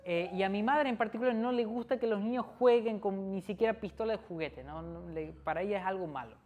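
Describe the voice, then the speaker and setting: A man preaching in a conversational sermon, often checking in with the listener through tag questions and pausing with fillers. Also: sits high, a little mellow. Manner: frequent tag questions, hesitant fillers and restarts.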